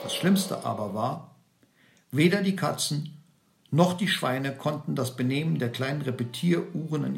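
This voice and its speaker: A man reading a story aloud in a slow, theatrical manner, dropping his voice low for moments of dread. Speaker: narrator. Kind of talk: audiobook storytelling. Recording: roomy, with guitar music.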